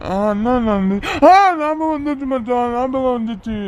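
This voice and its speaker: High-voiced drunk guy rambling and giggling, heartsick young businessman, man doing the voice in a cartoon. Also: normal speed, a little mellow. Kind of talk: cartoon voice acting.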